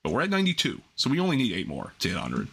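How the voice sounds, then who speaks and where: A man's voice: fairly low pitch, wildly swooping pitch, very fast, gravelly, fairly bright tone, slight background noise. A man hosting a livestream in casual gaming chat, rambling and often interrupting himself as he gets sidetracked. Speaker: livestream host.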